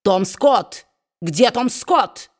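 Woman doing a sneering gruff dwarf man. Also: medium pitch, expressive, extremely slow. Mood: gloating. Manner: sneering, gloating, growling. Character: spiteful mocking male dwarf, gruff and low.

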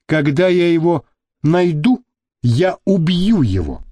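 Guy doing a coquettish young model lady, high and swooping, slow. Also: very animated, warm tone, no room sound, exaggerated voice. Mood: fiery. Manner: chirping, coquettish.

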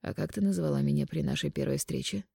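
A woman voicing a wealthy, confident man speaking softly and slowly to his lover, in an audiobook reading. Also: deep voice, creaky, slightly rough, no room sound, clean studio sound, pitched below the performer's own voice, exaggerated voice. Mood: tender. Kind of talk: audiobook narration.

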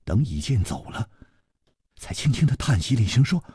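A male storyteller narrating a long-form tale in an expressive, animated way. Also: mid-range voice, normal speed, breathy edge, no echo, studio quality.

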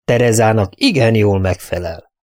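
A man's voice: on the low side, a little mellow, natural voice. A man voicing a domineering old spinster lady who speaks in curt, commanding sentences.

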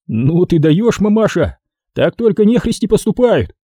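A man voicing a cocky, coarse male adventurer who talks loudly and mockingly. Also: sits high, sing-song, moderate pace, slightly rough, no room sound, studio quality, voice pushed up, full character voice. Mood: brash. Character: brash rough-talking male adventurer, cocky.

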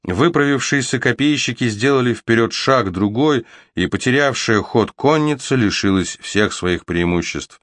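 A man narrating a fantasy novel as an audiobook, reading with steady, even storytelling. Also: mid-range voice, moderate pace, no echo, studio quality.

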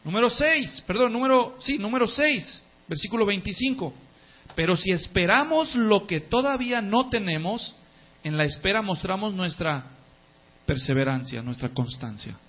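Pastor guy preaching, high voice, keeps repeating words, muffled lo-fi recording. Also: expressive, normal speed. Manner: emphatic, repeats key words in lists, swings from loud to soft. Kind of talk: sermon. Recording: dull lo-fi sound.

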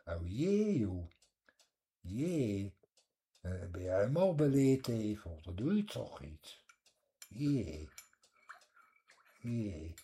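A man's voice: lowish voice, big pitch swings, drawn-out words, pauses often, mellow, heavily acted. A man voicing a hearty local man with a thick Scheveningen dialect, dropping his H sounds. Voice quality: drops H sounds.

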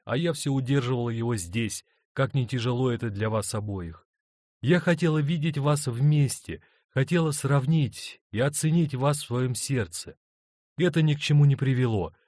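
A man's voice: medium pitch, darkish tone, no room sound, clean studio sound, voice pushed up, lightly acted. A man reading an audiobook, voicing an adult woman torn between two men who speaks in an earnest, pleading way.

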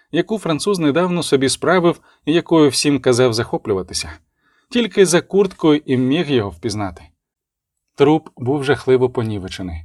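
A man narrating an audiobook with a dramatic, expressive reading. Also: mid-range voice, no echo, studio quality. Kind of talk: scripted narration.

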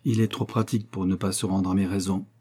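A man's voice: low voice, level tone, fast, mellow. A man reading the part of a domineering old inventor who scolds his son in an audiobook. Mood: persuasive. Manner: commanding, heated. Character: domineering old male inventor, quick-tempered father.

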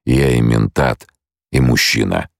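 A man voicing a reserved, loyal male guardian in an audiobook, speaking in a quiet, measured, soothing way. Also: extremely low pitch, creaky, no echo, studio quality, full character voice.

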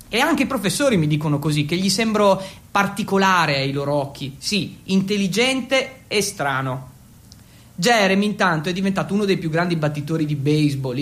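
An actor with a high voice plays an excitable, awkward Italian teenage exchange student. In a dramatic first-person radio monologue, he tells his story intensely and confessionally, switching between Italian and English.

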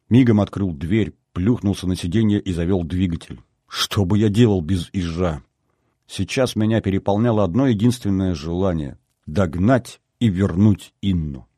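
A man narrating a first-person novel in a wry, even storytelling manner. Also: deep voice, moderate pace, husky, no room sound, clean studio sound. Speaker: audiobook narrator.

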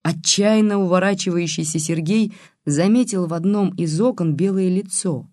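An audiobook narrator reading a novel in a lively scripted narration. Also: mid-range voice, moderate pace, dry recording, clean studio sound.

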